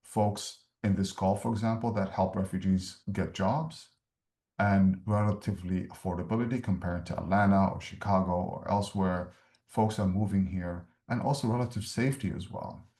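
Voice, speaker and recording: A man from Somalia giving a measured, explanatory webinar talk on refugee services, with frequent fillers. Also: deep voice, fairly even intonation, mellow, roomy sound. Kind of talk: webinar presentation.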